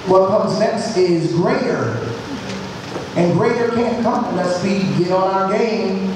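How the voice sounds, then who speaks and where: A man's voice: high-pitched, background noise. A man in his fifties preaching an earnest, exhorting sermon in a church, repeating his phrases for emphasis. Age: 50s. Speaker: lay preacher. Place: large church sanctuary. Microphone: handheld mic. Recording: echoey hall from far off.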